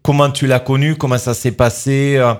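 A man's voice: mid-range voice, steady tone, moderate pace, darkish tone. Hesitant male radio host. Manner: hesitant, many fillers and restarts. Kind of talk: hesitant interview questions.

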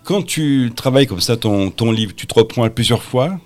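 A man's voice: medium pitch, animated, moderate pace. A man hosting a radio show and chatting easily with a guest in the studio. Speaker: radio host. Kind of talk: radio interview.

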